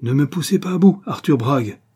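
A man's voice: medium pitch, normal speed, dark tone, husky, natural voice. A man reading aloud and voicing an anxious, plain older woman who pleads earnestly in a storybook. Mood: anguished. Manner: earnest pleading, rising to outcry.

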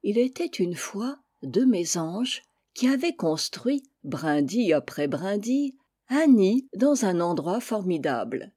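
A woman reads a children's fable aloud in a gentle, measured storybook style while being very animated. Her mid-pitched voice is dark and mellow, with a husky, breathy softness.

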